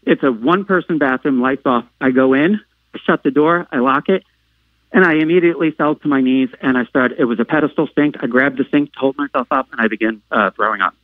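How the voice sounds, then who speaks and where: A man telling a personal story as a podcast guest, pausing on lots of "uh" fillers and jumping loud when he acts out what people said. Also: medium pitch, no echo. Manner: halting, filler-heavy retelling; acts out quoted lines with sudden loud outbursts. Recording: narrow phone-like line, dry.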